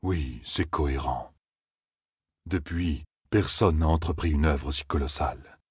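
A ponderous ancient giant, voiced by a male reader musing slowly in a low hush. The voice is very deep and husky, in a dry close recording. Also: no room sound, exaggerated voice. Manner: slow and hushed.

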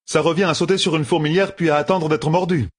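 Male reader as a blunt woman fighter, much higher husky voice, storybook. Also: steady tone, quick pace. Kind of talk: audiobook narration.

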